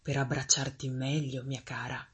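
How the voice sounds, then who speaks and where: A woman voicing a sly, soft-spoken male wolf in a fairy tale, talking low and coaxing. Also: level tone, moderate pace, breathy edge, full character voice.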